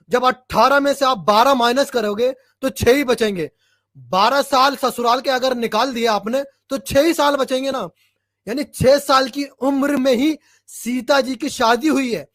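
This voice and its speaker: High-voiced, emphatic male debater. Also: fairly bright tone, dry recording, studio quality. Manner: emphatic, repetitive, challenging. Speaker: debate panelist. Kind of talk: polemical online religious debate.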